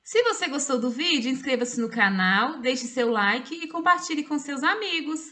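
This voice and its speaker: Woman, high bright voice, teaching phonics; slow, careful spelling. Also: expressive. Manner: clearly spells out words syllable by syllable. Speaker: literacy teacher. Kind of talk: slow phonics dictation lesson.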